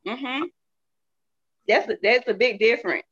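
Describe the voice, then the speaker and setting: In a slightly high, fairly bright, somewhat rough voice, an unhurried Southern woman chats candidly and folksily. She's a product seller appearing as an interview guest in a casual testimonial, repeating phrases for emphasis, and the recording is dull and lo-fi.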